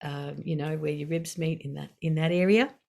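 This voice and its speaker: Woman, low pitch, calm, gentle pauses, guided self-care talk. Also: vocal fry. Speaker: wellbeing session facilitator.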